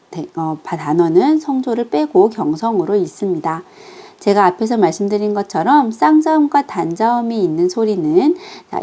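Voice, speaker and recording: A woman teaches a recorded online language lesson, patiently demonstrating pronunciation slowly and carefully. Her voice is mid-range with a dark tone.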